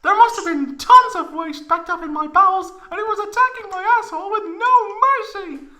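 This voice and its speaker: In a comedic fan fiction reading, a woman with a very high, sharp voice speaks at normal speed as a proud, melodramatic young woman recounting an embarrassing tale. She sounds anguished and overwrought, nearly giggling.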